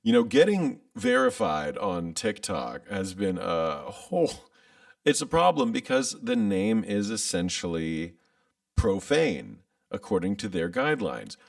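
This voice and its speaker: A man's voice: fairly low pitch, huge pitch swings, a little slow, vocal fry, no echo, distant mic. A man in his thirties chatting casually on a livestream, rambling and hesitant with many restarts, speaking into a studio mic at home. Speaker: content creator streaming live. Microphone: studio microphone with headphones.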